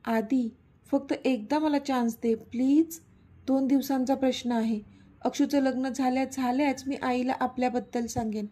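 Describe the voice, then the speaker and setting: Storybook heroine, young, anxious, pleading, read by a woman; warm, higher voice. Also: fairly even intonation, slow pace, slightly rough, full character voice.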